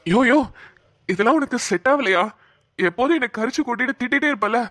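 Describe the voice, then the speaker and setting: A woman's voice: on the high side, expressive, fast talker, a bit bright, no echo. A woman voicing a playful, teasing young man in a cartoon. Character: joking young man recovering in hospital. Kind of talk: cartoon voice acting.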